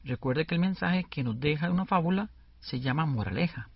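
A man co-hosting a scripted educational radio lesson in a lively, explanatory way, on a dull lo-fi recording. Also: fairly high pitch, brisk, vocal fry, breathy edge.

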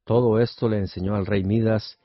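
A man narrating a children's tale in a measured, expressive reading, on a dull lo-fi recording. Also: on the low side. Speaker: storyteller. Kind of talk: scripted story narration.

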